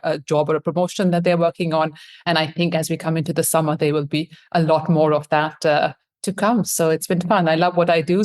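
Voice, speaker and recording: A woman's voice: low-pitched, a little mellow. A woman in her thirties from Pakistan, an admissions consultant answering interview questions in a friendly, reflective way.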